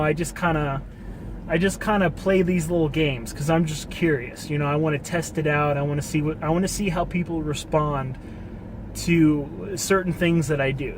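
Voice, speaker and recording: A man's voice: on the high side, slight background noise, rough recording. Rambling profane man in his twenties. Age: 20s. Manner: rambling, profane, repeats himself. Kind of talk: casual monologue vlog.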